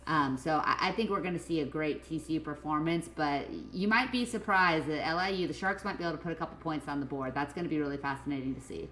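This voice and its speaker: A woman with a very low voice co-hosts a sports podcast in lively, casual chat. She sounds enthusiastic and sprinkles in ums. The room is echoey with faint noise behind. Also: fast talker, few pauses. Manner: animated, enthusiastic, frequent ums. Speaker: podcast co-host.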